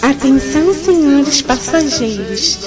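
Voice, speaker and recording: A woman's voice: high voice, lively intonation, takes it slowly, over music. A woman as a flight attendant over the intercom. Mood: formal. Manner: formal announcer's delivery. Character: female flight attendant making a cabin announcement.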